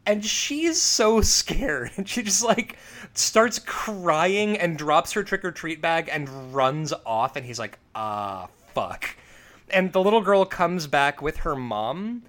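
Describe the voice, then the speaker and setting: A man's voice: sits high, animated, takes it slowly, a bit bright. A man co-hosting a podcast who tells rambling stories in casual chat, full of fillers and restarts. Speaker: podcast co-host.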